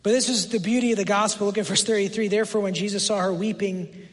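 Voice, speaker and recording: A man in his thirties preaching a sermon, telling a story with animated delivery and briefly acting out the voices in it. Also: high voice, fast, big-room sound. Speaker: pastor.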